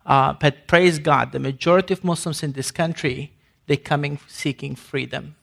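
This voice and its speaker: A man's voice: on the high side, steady tone, normal speed, vocal fry, fairly bright tone. A man from Sudan giving an emphatic ministry presentation to an audience, with grammar and frequent restarts. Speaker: ministry speaker.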